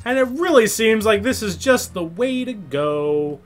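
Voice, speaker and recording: High-voiced exasperated gamer guy. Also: lively intonation, unhurried, soft background music. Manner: laughing, exasperated, swears at the game. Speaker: player of a video game. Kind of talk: casual gaming chat.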